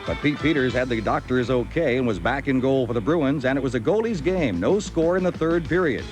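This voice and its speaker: American sportscaster over music. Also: male voice, mid-range voice, lively intonation, a little fast. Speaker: sports announcer. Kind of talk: scripted highlight narration and hockey commentary.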